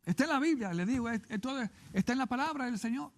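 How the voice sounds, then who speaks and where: A man's voice: extremely high pitch, expressive, quick pace. A man preaching a televised sermon as a pastor, emphatic and urgent, often repeating himself and urging listeners to read the scripture, with a Puerto Rican Spanish accent.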